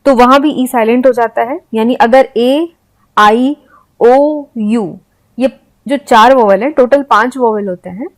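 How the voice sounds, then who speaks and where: A woman teaching English pronunciation, spelling out letters and example words slowly and deliberately. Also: on the high side, a little mellow. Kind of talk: spoken-English lesson.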